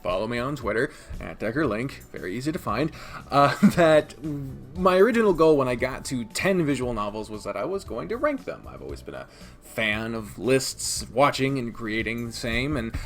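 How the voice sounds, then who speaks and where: A video reviewer and podcast host runs through a casual, opinionated countdown to camera, his mid-pitched voice rising and falling in a lively way. He's sardonic and swears readily, frequently interrupting himself, while faint music plays in the background.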